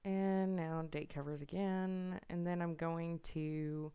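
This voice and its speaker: A woman's voice: fairly low pitch, fairly even intonation, slow, dark tone, smooth. A young woman narrating her planner decorating in a casual, apologetic voiceover. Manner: apologetic, self-deprecating, chatty. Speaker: planner vlogger. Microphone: voiceover mic.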